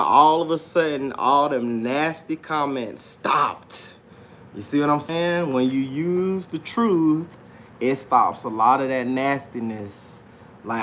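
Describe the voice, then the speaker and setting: A fairly bright, mid-range voice belongs to a man in his late thirties who hosts livestreams and self-publishes. His unplanned monologue is cocky and slangy, with lots of repetition and frequent "man"s, against a bit of background noise.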